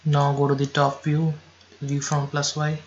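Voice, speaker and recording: A man giving slow, step-by-step software instructions over a screen recording, now and then correcting himself. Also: a little high, monotone, dull audio, a little hiss or hum.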